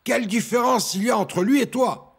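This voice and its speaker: A man's voice: very high voice, fairly quick, slightly rough, exaggerated voice. An actor dubbing a middle-aged father who pleads insistently with his son, repeating his commands. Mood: pleading. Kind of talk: dubbed TV drama acting.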